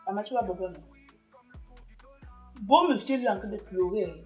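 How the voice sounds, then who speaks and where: A woman's voice: medium pitch, lightly acted. A woman, playing a nosy, gossipy young daughter. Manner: gossipy, quick, insistent. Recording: roomy, echoey, faint music.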